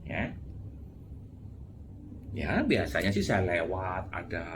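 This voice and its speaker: A man's voice: low voice, big pitch swings, slow, noisy background. A man giving a casual motivational talk, chatty and full of little tag words. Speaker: motivational speaker.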